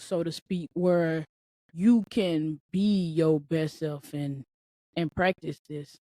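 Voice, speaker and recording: The recording is dry, capturing a woman's mid-range, mellow voice. She is in her late twenties and hosts a solo podcast, speaking casually and emphatically with lots of repetition in a motivational tone.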